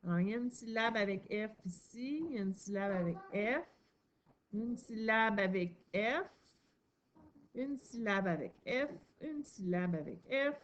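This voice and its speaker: A woman's voice: mid-range voice, animated, a little slow, lo-fi sound, slight background noise. A woman teaching a young child to read, patient and encouraging, stressing each sound and syllable. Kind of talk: reading lesson for a young child.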